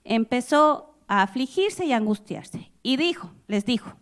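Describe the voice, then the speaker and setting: A middle-aged woman delivers a sermon at an unhurried, deliberate pace, her voice sitting on the higher side. She speaks directly and personally to her listeners, asking them questions and acting out the scriptures she reads with sudden bursts of feeling. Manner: expressive, acts out Bible quotes with loud outbursts. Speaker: preacher.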